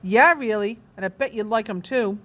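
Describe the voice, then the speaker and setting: A woman's voice: mid-range voice, moderate pace, a bit bright, lightly acted. A woman reading aloud, voicing a cocky schoolboy who acts cool and offhand. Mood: sly. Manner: offhand, laid-back.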